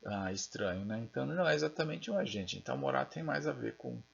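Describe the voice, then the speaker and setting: His medium-pitched voice is lively, quick and fairly bright, with vocal fry, though the audio is dull. This Brazilian man, accented in Brazilian Portuguese, gives a recorded linguistics lecture, thinking aloud, asking frequent tag questions and making self-deprecating asides at the mouse.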